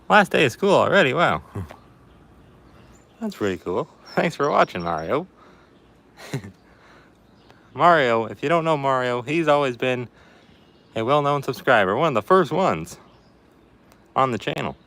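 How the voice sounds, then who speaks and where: This livestream host speaks in a mid-range voice that's expressive and a bit bright, unhurried, with frequent pauses. He's out in a backyard reading viewer comments and chatting casually, faking a folksy Appalachian hillbilly accent as a disguise.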